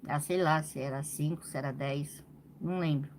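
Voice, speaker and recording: A woman's voice: low-pitched, steady tone, moderate pace, darkish tone, slight background noise. A woman with a Brazilian Portuguese accent hosting a crochet channel, venting in casual live-stream chat and tagging her sentences with "né?". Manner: venting, repeats phrases, frequent "né?".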